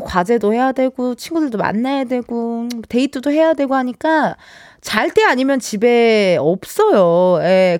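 Woman radio host, chatty and lively; dry, close studio sound. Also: a little high, dry recording. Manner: chatty, laughs easily. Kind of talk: radio DJ reading listener texts. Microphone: studio microphone.

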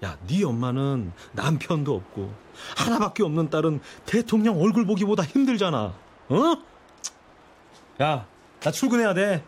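A man's voice: fairly high pitch, sing-song, moderate pace, breathy edge. An actor playing a pedantic, teasing ex-husband in his late thirties who studies law. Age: 30s. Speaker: ex-husband studying for the bar. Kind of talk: TV drama acting.

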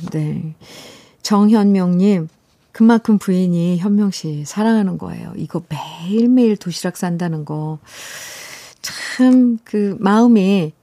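A middle-aged woman hosts a radio show, her voice mellow and soft-edged. She reads listener letters and chats about them with playful teasing and easy laughter, close on a dry studio mic with no room sound. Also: fairly low pitch, no room sound. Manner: warm chatty, laughs often, teasing asides. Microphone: studio microphone.

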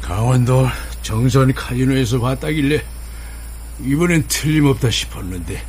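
An actor playing an older husband worn out from chasing a swindler, exhausted and bitter, breaking into tearful shouting. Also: male voice, medium pitch, normal speed, slight background noise, close to an everyday voice. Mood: weary. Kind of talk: TV drama acting.

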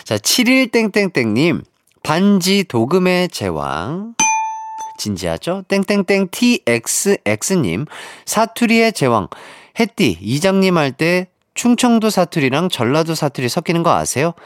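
A man's voice: fairly high pitch, huge pitch swings, a little slow, dry recording, studio quality. A man hosting a radio quiz, joking playfully as he reads out listener messages. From Jeolla, South Korea. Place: radio studio. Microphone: studio microphone.

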